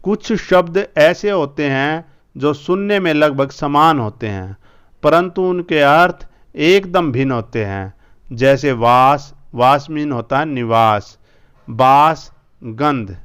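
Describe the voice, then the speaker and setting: A male teacher going through a school language lesson, repeating each word slowly two or three times. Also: a little high, lively intonation, fairly bright tone, smooth.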